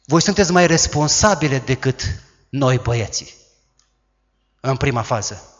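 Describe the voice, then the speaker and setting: A man preaching a sermon, who acts out quoted voices loudly and dramatically. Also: mid-range voice, lively intonation, muffled recording. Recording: long hall reverb.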